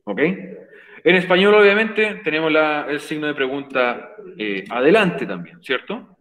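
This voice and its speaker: A male English teacher gives a virtual class in Spanish, explaining patiently, repeating points, and frequently asking "ok?" to make sure students follow. His voice is fairly high, a bit bright, and lively in intonation at an unhurried pace. The recording is rough and reverberant.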